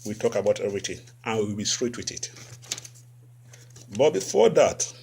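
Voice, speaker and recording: A Nigerian man from West Africa hosts a satirical talk show, his gravelly voice at a moderate pace, with slight background noise. He comments sarcastically, repeats phrases for effect, and his pitch swings up animatedly.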